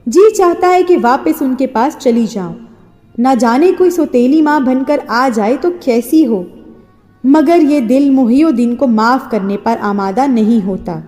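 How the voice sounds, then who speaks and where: Woman with a high voice reading a sad life story, earnest, lots of reverb. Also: warm tone. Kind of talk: first-person story narration. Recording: long hall-like reverb.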